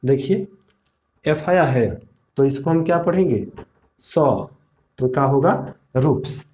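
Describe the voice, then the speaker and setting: A man teaching an English pronunciation lesson, slowly repeating rules and asking the viewers questions. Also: medium pitch, darkish tone. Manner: slow, repeats rules and asks the class questions.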